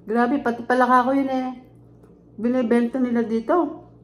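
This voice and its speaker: A woman's voice: on the high side, steady tone, moderate pace. A woman with a Filipino accent hosting a mukbang, chatting casually and chewing as she talks. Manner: chewing while talking. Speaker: mukbang host. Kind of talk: casual chat while eating.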